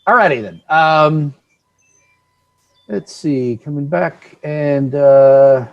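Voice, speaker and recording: A man's voice: fairly high pitch, vocal fry, muffled recording. American man as panel moderator, stumbling, restarting questions, video call audio. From United States, Virginia. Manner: halting, self-correcting questions with frequent laughs. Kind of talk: casual moderated panel discussion.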